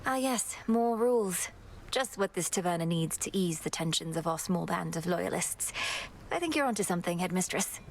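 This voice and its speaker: An actress voicing a young witch princess in a video game, polite and earnest with a gently teasing edge. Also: a little high, normal speed, slight background noise, lightly acted.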